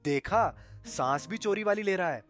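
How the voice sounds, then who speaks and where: A man voicing a calm, laid-back young brother in a cartoon story who cracks dry jokes. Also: high-pitched, normal speed, faint music behind, pitched above the performer's own voice. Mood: relaxed.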